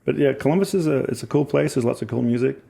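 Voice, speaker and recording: A Scottish-born musician in his forties, his accent softened by years in Ohio, chats casually as an interview guest. His medium-pitched voice is fast, creaky and slightly breathy as he rambles through enthusiastic stories, laughing at himself along the way.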